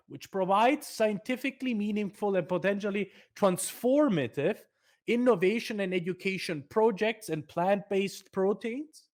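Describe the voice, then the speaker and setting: A man presenting career advice for a nonprofit foundation, speaking emphatically with many fillers and restarts. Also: high-pitched.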